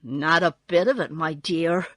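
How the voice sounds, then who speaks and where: A woman's voice: deep voice, measured pace, a bit bright, no room sound, voice pushed down. A woman voicing a meek, pleading little old man with a trembling voice, a humbug wizard in a storybook. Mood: meek, confessing. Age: older.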